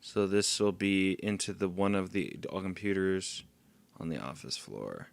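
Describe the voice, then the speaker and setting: A man's voice: deep voice, measured pace, gravelly. A man commenting casually on a stealth game as he plays, swearing and laughing at his own failures. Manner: frustrated outbursts, swearing, laughing at himself. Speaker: gameplay streamer.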